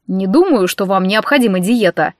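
A woman's voice: mid-range voice, lively intonation, moderate pace, darkish tone, no echo, studio quality, close to an everyday voice. A woman voicing a stern, sarcastic male government minister who talks in a cool, ironic tone in an audiobook.

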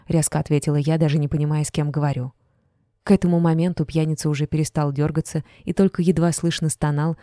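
A woman reading a first-person audiobook in a measured, even way. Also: deep voice, no room sound, studio quality. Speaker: audiobook narrator.

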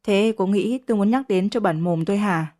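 A woman's voice: medium pitch, moderate pace, darkish tone, close to an everyday voice. A woman voicing a stern older mother-in-law who scolds with open contempt. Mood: scornful scolding.

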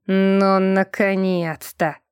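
A sly, sarcastic fox god sneers and drawls his way through every line, as a woman reading an audiobook puts him on. His speech is slow, teasing and grumbling. The sound is close and dry, with no room around it. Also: medium pitch, expressive, darkish tone, dry recording. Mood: relieved. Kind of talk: audiobook character voice.

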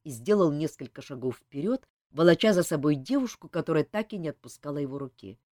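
A woman narrating a fantasy novel as an audiobook reader, expressive in delivery. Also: deep voice, brisk, no room sound, clean studio sound. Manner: expressive, lively reading.

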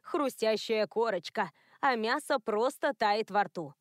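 A woman's voice: fairly high pitch, unhurried, no room sound, studio quality, lightly acted. A woman reading the part of a bossy, caring older secretary who scolds and teases. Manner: scolding, teasing.

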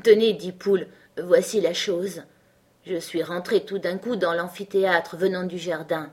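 A woman's voice: fairly low pitch, steady tone, measured pace, darkish tone, breathy edge. A woman reading a frightened, devoted older male butler in an audiobook, urgent and pleading. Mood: anxious.

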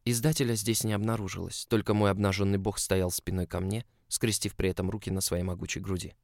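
A man reading a first-person story aloud, emotional and confessional in tone. His voice is low and even. The recording is dry, with no echo around it. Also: fairly quick, gravelly. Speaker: audiobook narrator.

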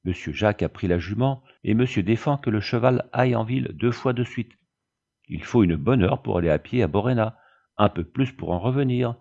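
A man reading aloud as a plump, flustered female Italian housemaid, talking in an excited, hurried way. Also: lowish voice, creaky. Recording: dull lo-fi audiobook recording.

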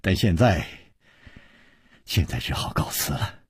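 楚留香：男说书人扮的低沉从容的侠客. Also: male voice, sits low, measured pace, breathy edge, dry recording, studio quality, voice pushed down, exaggerated voice. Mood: calm. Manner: soft, calm, understated. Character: calm suave hero swordsman, composed.

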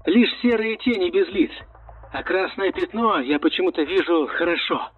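A man's voice: high voice, moderate pace, breathy edge. A man voicing a badly injured male starship navigator who rambles in a dazed way over a muffled radio line.

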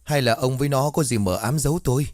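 A man voicing an anxious, sharp-tongued old village woman in her seventies who calls out shrilly and scolds. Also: mid-range voice, fast talker, no echo, clean studio sound, natural voice. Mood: worried.

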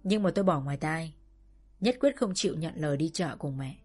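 A woman reading a first-person story in an even storytelling manner. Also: deep voice, brisk, husky, faint music behind.

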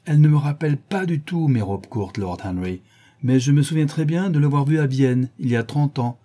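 A man voicing an old, gossipy society hostess who chides in raised, indignant exclamations, with a husky voice. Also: mid-range voice, normal speed, dark tone, voice pushed up, lightly acted. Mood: scolding.

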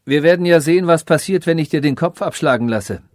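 A man's voice: on the high side, brisk, a little mellow, no echo, clean studio sound, voice pushed up, lightly acted. Man doing a cruel, mocking king. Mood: scornful. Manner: mocking, scornful and commanding. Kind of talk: audiobook reading.

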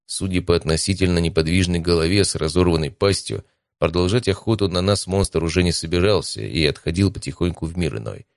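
Deep-voiced male audiobook narrator. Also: a little fast, gravelly, no echo, clean studio sound. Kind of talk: scripted first-person narration.

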